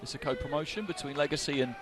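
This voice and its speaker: A man giving live boxing commentary in a measured, conversational way. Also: on the high side, a crowd in the background. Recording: loud venue noise behind commentary.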